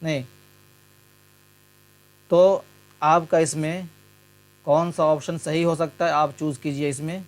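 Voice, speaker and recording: Man teaching an exam lesson, slightly high. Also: flat delivery, long pauses. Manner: explains terms step by step, mixing in Hindi and English words.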